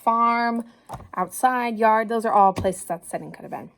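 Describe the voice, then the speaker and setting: A woman whose voice is on the high side and somewhat creaky reads a children's story like a teacher, animated and encouraging, pausing to ask young listeners questions directly. There's slight background noise.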